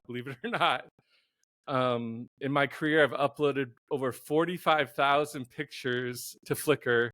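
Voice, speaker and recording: Male host, mid-pitched voice, easygoing chatty delivery, dry close recording. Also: dry recording. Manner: relaxed, chuckles often, filler ums. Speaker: podcast host and photographer. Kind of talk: casual interview hosting.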